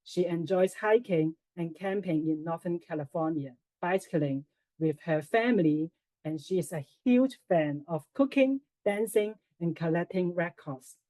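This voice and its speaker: Mellow-voiced woman moderating a webinar. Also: lowish voice, no echo, low-quality recording. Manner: measured, formal delivery. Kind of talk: reading a prepared introduction.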